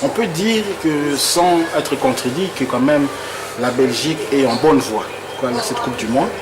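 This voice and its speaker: A man's voice: medium pitch, measured pace. A man from Congo interviewing a footballer and reading out viewers' questions, often repeating words as he searches for his phrasing. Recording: noisy room with air conditioning.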